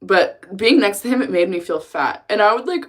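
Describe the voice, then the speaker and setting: A woman's voice: medium pitch, sing-song, moderate pace. A young woman from the United States chatting casually on a live stream, blunt and talkative, laughing often as she reads the chat aloud. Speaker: livestreamer.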